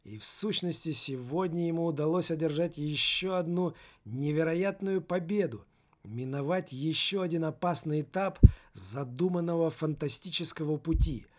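A man narrating a novel as an audiobook, steady and measured. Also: fairly high pitch.

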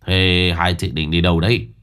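A man's voice: deep voice, level tone, moderate pace, fairly bright tone, clean tone. A man voicing a curt, stubborn middle-aged village man who scolds. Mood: gruff.

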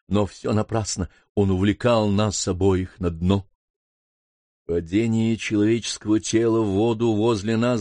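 A man reading a first-person adventure novel aloud in a steady storytelling manner. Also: on the low side, dry recording. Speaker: audiobook narrator.

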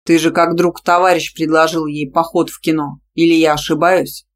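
A woman's voice: flat delivery, normal speed, close to an everyday voice. Domineering young man, curt and menacing, read by a woman narrator. Audiobook. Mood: stern. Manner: curt, low and threatening. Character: possessive, domineering young male gym teacher.

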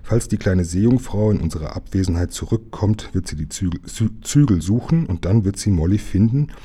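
A man reading a storybook aloud, voicing a sturdy adult engine driver who grumbles low and unhurried. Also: lively intonation, mellow, husky. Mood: steady.

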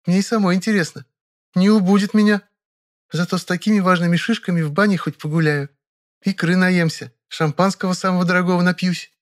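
Picture a chatty, flirtatious woman in her thirties, as a male audiobook reader puts her on, speaking much higher than his own voice. She coaxes and turns whiny when told no. It is a storybook voice done by the narrator. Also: fairly even intonation, a little fast, close to an everyday voice. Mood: pouting. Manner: coaxing, whiny when refused.

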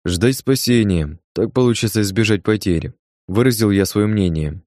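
A man narrating a first-person audiobook in a calm, even manner. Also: fairly low pitch, moderate pace, dry recording, studio quality.

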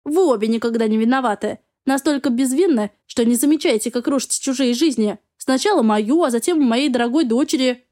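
A woman's voice: high-pitched, brisk, warm tone, close to an everyday voice. A woman voicing a haughty, hostile middle-aged stepmother in an audiobook, speaking in a harsh, accusing way. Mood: bitter.

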